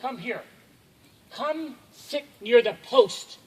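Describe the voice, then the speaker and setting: A man voicing a kind young boy who is really a goat kid, speaking in a hushed, urgent, reassuring way. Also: very high voice, lively intonation, slow pace, slightly rough, full character voice, poor audio.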